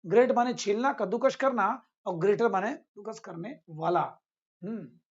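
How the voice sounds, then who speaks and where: A man's voice: high-pitched, normal speed, husky. This is a man teaching a casual vocabulary lesson, saying each word and its meaning over and over and calling his students friends. The sound is a bit dull and lo-fi. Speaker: English teacher.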